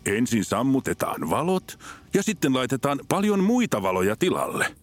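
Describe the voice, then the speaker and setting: A man's voice: mid-range voice, big pitch swings, voice pushed up. A man voicing a curious, playful green fox in a storybook, asking wondering questions. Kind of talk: storybook character voice.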